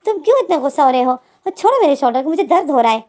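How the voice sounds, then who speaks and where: A woman's voice: high-pitched, lively intonation, rapid-fire, mellow. Woman voicing a guarded young man, pushing away. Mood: cold, firm.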